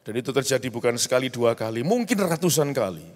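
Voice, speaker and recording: A man's voice: mid-range voice, expressive, fast talker. A man preaching, telling a personal story with emotional rises. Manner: storytelling, rising into emotional outbursts. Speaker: pastor. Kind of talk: sermon testimony. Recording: long hall reverb.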